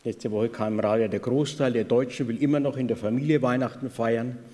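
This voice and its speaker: A man giving a sermon and reading a story, calm and conversational. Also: mid-range voice, brisk. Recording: echoey hall.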